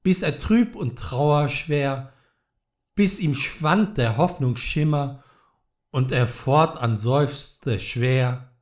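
A middle-aged man giving a dramatic poetry recitation, solemn and brooding, rising into loud impassioned pleading. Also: mid-range voice, very slow. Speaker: poetry reader.

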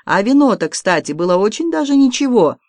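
A reader voicing an excitable, touchy Polish nobleman. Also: medium pitch, fairly quick, dry recording, voice pushed up. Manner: excitable, loud exclamations.

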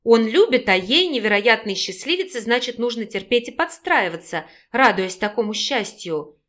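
A woman reading an audiobook, voicing a sharp-tongued, defiant young woman who snaps and mocks. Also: a little high, animated, normal speed. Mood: scornful. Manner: snapping, sarcastic.

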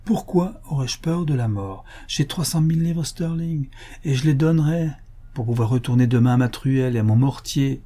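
Man doing old rich drunkard, gruff, bitter, husky, dark. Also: mid-range voice, normal speed, lightly acted. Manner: gruff, bitter, bursts out loudly. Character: sick, bitter, hard-drinking rich old builder.

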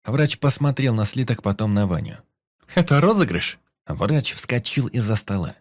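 An audiobook narrator reads a scripted horror story in a low, steady voice at normal speed. The recording is dry and close, with no room sound.

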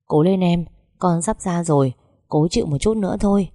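A woman voicing a tender young husband who coaxes and reassures his wife softly. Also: lowish voice, moderate pace, no echo, clean studio sound, close to an everyday voice. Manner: soft, coaxing, reassuring.

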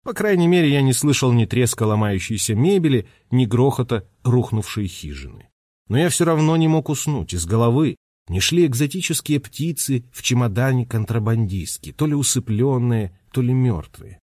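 A man narrating a children's audiobook in an expressive way, giving each character a voice. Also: mid-range voice, normal speed, no echo, studio quality. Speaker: audiobook reader.

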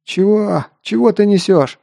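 A man doing a gruff, swearing mercenary. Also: fairly high pitch, moderate pace, lightly acted. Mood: shouting angrily. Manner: barks orders, swears, shouts. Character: gruff battle-hardened male mercenary, short-tempered.

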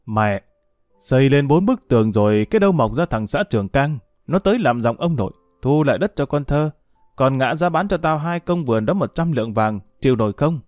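A man's voice: mid-range voice, animated, brisk, darkish tone, dry recording, clean studio sound, faint music behind, natural voice. A man voicing an angry, self-pitying older father, scolding and cursing.

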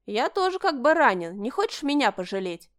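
A woman's voice: on the high side, big pitch swings, a little fast, no echo, studio quality, pitched above the performer's own voice. Sneering storybook nobleman, taunting and sing-song, voiced by a woman narrator. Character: sneering mocking male noble brother, smug.

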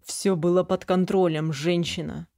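A woman voicing a stern, pompous dragon general and father, speaking in a calm, commanding, lofty manner. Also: on the low side, unhurried, no echo, clean studio sound, lightly acted. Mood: dismissive.

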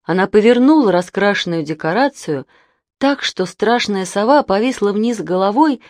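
A woman narrating a children's audiobook in an expressive storytelling manner. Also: mid-range voice, dry recording, studio quality.

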